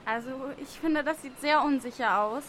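A woman's voice: sits high, normal speed, fairly bright tone, a little hiss or hum. A woman playing a timid, anxious young female contestant in an audio drama, hesitant in her speech.

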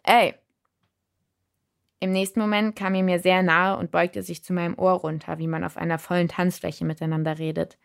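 Woman narrating a story calmly. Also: on the low side, brisk, gravelly, hardly any pauses, clean tone. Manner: calm, reflective storytelling. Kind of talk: first-person story narration.

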